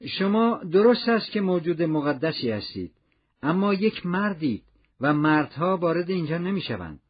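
A man voicing an excitable, chatty old male gardener with a trembling voice, in a dull lo-fi recording. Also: on the high side, husky. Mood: astonished. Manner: exclaiming, rapid questions.

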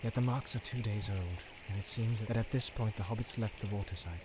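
A man doing a grave, steady ranger. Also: fairly low pitch, brisk, noisy background, lightly acted. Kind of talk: audiobook reading.

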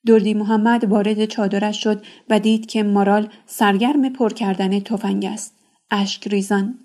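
A woman narrating a novel in a measured reading voice. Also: mid-range voice, level tone, a little mellow. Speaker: audiobook narrator.

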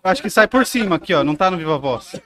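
A man's voice: sits high, lively intonation, fast, bright, forceful tone. A young man in a casual group chat, laid-back and teasing in slang.

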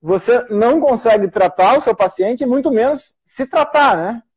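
A man's voice: extremely high pitch, animated, normal speed, breathy edge. A middle-aged Brazilian man, a doctor and teacher hosting a casual live talk, rambling with many restarts. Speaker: host.

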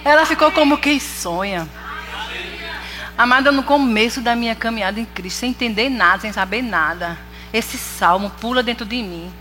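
A woman preaching a sermon, expressive, laughing often and swinging between loud and soft. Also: on the high side, moderate pace. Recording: reverberant hall with faint noise.

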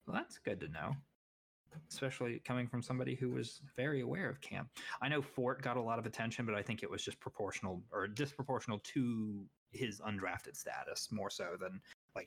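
A man's voice: on the low side, lively intonation, a little fast, gravelly, a bit bright, husky. A young man co-hosting a casual sports chat, rambling and opinionated, often poking fun at himself. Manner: rambling, opinionated, self-deprecating. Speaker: podcast co-host.

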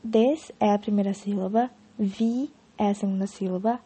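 A woman's voice: medium pitch, steady tone, moderate pace, warm tone, slightly rough. A young woman giving an informal spoken lesson on poetry, explaining casually with frequent restarts and fillers.

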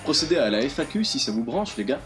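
A man's voice: mid-range voice, very animated, quick pace, music in the background. Teasing young man, mid voice. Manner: teasing, leads the segments. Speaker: podcast co-host. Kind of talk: casual chat.

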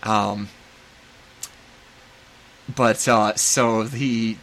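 A man's voice: fairly low pitch, steady tone, drawn-out words, fairly bright tone, slight background noise. A man hosting a movie podcast, rambling and self-deprecating as he recaps a horror film. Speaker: podcast host.

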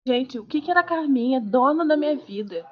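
A woman with a fairly high voice co-hosts a loose podcast chat. She tells stories with animation and swears freely. The audio is dull and lo-fi. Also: expressive, brisk. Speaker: podcast co-host. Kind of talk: casual chat.

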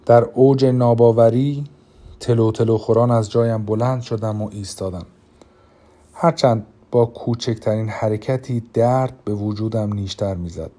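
A man narrating an audiobook in a calm, measured reading voice. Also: lowish voice.

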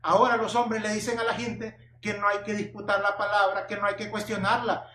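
A high-pitched man delivers a Bible-teaching sermon, firing off rhetorical questions and answering them himself. His voice comes from a bit away from the mic, ringing through a reverberant room with a faint hum underneath. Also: little pitch movement, brisk, pushed and bright, distant mic. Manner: asks and answers rhetorical questions, calls listeners "hermano". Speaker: preacher.

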